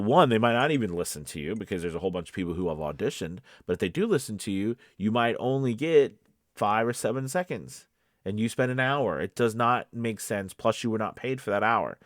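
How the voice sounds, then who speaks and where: There's no room sound in this clean studio recording of a man whose voice sits on the low side. A voice-over coach and casting professional, he gives laid-back advice to camera, restating his points to make them stick.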